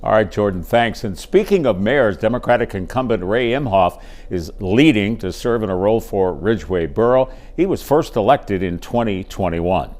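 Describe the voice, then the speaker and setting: A male anchor reads election results from a script in a fairly low voice. His delivery is steady and measured. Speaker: news anchor. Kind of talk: scripted news reading.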